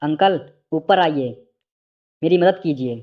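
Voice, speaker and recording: A man voicing a frightened young woman who pleads and shouts for help, in a storybook reading. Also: on the high side, a little fast, narrow, tinny audio, natural voice. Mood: crying for help.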